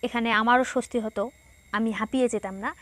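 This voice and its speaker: A woman's voice: fairly high pitch, steady tone, brisk, a bit bright, no echo. A woman teacher with a Bangladeshi Bengali accent, giving a patient, explanatory lesson to schoolchildren and reading passages aloud.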